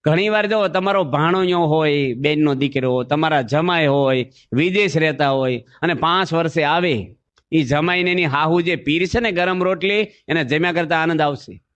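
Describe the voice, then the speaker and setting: A man's voice: a little high, normal speed, a bit bright. A man giving a folksy sermon, telling stories, acting out voices and asking the audience questions. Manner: storytelling, asks the audience questions, acts out voices. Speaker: monk preacher. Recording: dull lo-fi recording.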